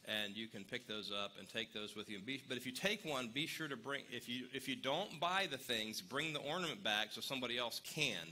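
Church guy doing the announcements, super bright punchy voice, rambly and jokey, a little faint hiss. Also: mid-range voice, a little fast, hardly any pauses. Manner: chatty and rambling, joking with the congregation. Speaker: pastor giving church announcements. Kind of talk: casual announcements to a congregation. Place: church service before a live congregation.

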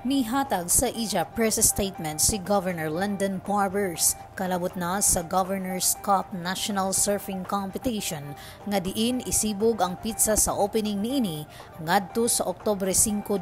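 A woman's voice: medium pitch, moderate pace, over music. A woman reporting the news in a formal broadcast delivery.

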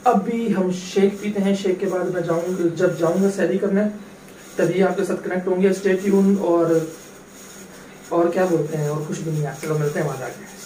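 A young man from Pakistan vlogs casually in a high, steady voice at normal speed, calling his viewers "brother." His chatty, laid-back talk follows him from making a shake in the kitchen to waiting in his car at a drive-through. The audio is from a noisy handheld phone.

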